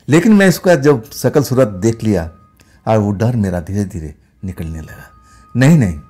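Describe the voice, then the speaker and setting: A male horror storyteller with a husky, dark-toned voice that rises and falls dramatically. He builds suspense in a first-person ghost tale and keeps sinking into hushed tones, with faint music behind him. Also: mid-range voice.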